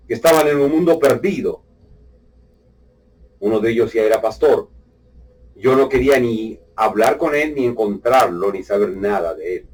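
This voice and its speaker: A husky man preaching a testimony sermon, his voice rising in fervent bursts and dropping to hushed tones. The mic sits some distance away, so he sounds a little removed. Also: medium pitch. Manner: fervent, swinging between loud outbursts and hushed tones.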